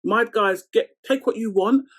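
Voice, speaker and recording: A woman's voice: fairly high pitch, unhurried. A woman in her thirties from London with a London accent, chatting casually to camera in a Q&A vlog and laughing often. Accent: London English. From London, England. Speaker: vlogger.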